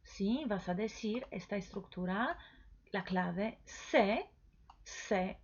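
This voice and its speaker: A woman teaching an online language lesson, speaking slowly and deliberately and repeating model phrases. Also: medium pitch, expressive, breathy edge, highs cut off.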